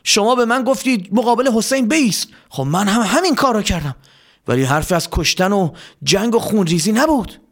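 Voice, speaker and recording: A man voicing a remorseful male army commander who talks in a pleading, halting way, in a told story. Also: high-pitched, voice pushed up. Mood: protesting.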